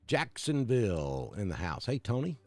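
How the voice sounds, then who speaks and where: A man's voice: on the low side, sing-song, moderate pace, a little mellow, soft background music. A middle-aged man from Alabama, chatting casually on a live weather stream and greeting viewers by name. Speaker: weather broadcaster.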